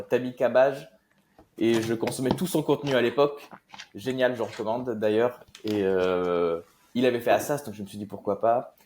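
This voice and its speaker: A man's voice: medium pitch, a little mellow, slight background noise. A young man from Marseille, speaking as an investor guest in a casual interview, loose and hesitant with many fillers. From Marseille, France.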